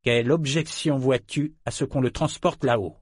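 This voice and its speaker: A man's voice: mid-range voice, moderate pace, husky, no echo, clean studio sound, voice pushed up, close to an everyday voice. A man doing an impatient, commanding captain. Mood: harsh. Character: impatient, commanding limping ship captain, male. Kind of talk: audiobook character voice.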